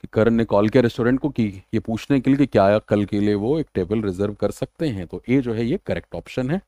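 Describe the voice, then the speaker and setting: Male grammar tutor for an exam-prep lesson. Chatty, with slow, careful English lines. Warm, mellow voice, dry close recording. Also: medium pitch, dry recording. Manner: casual, chatty explaining that mixes Hindi with slow, deliberate English.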